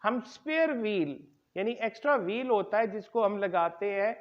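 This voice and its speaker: A man's voice: high voice, expressive, highs cut off. A man teaching English pronunciation in a classroom lecture, repeating each word and putting questions to his learners. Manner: explains slowly, repeats words, asks the class questions.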